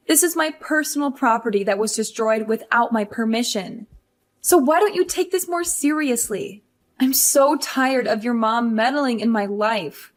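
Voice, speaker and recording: A young career wife, voiced by a woman, pushes back in exasperation in an animated story. Her voice sits a bit high, pleading and indignant.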